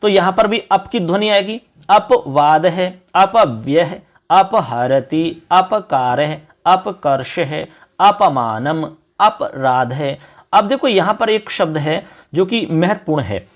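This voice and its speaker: A man with a fairly high voice teaches an exam-prep lesson in an unhurried, explanatory way. He repeats each term and keeps directing the students to look at the examples. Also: animated. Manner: repetitive, explanatory, often says "look".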